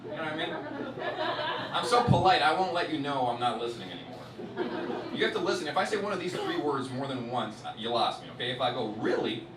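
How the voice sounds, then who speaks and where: A man doing a stand-up comedy set on a festival stage. He swears a lot and swings between loud outbursts and low muttered asides. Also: sing-song, fast talker, a crowd in the background, background noise. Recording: roomy hall, distant mic, loud audience.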